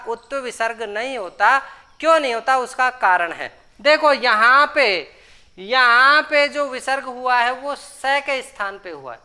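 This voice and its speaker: Slow, bright-voiced woman teaching grammar. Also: a little high, clean tone. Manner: explains step by step, often asks the class if it is understood. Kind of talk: classroom lecture.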